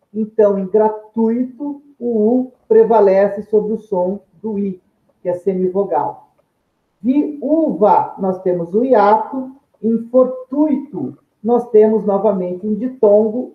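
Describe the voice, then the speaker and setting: A teacher giving a deliberate grammar lesson and stressing each example word. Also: medium pitch. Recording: tinny phone-like line in an echoey room.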